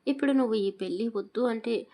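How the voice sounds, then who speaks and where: A woman voicing a fussy village mother in a storybook, coaxing her son to marry, her voice pitched up. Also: fast talker, dark tone, lightly acted.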